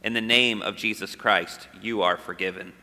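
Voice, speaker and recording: A man's voice: fairly low pitch, fairly even intonation, bright, forceful tone. Solemn man with cathedral echo. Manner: slow, solemn call-and-response reading. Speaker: worship leader. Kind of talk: leading a prayer of confession. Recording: long reverberant hall echo.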